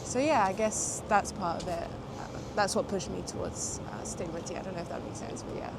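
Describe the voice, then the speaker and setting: In a casual street interview, a young graduate student raised in Portugal, whose first language is French, speaks English with a light British-tinged accent. Her voice is medium-pitched and a bit fast, chatty but hesitant, with frequent "um"s and small laughs. City traffic is clearly audible behind her outdoors.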